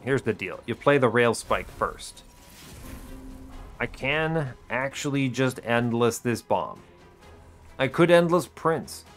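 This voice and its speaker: This gaming-video host is a man with a mid-range voice and lively intonation who takes his time and pauses often. His casual commentary comes in short, dry, understated lines, with music playing behind him.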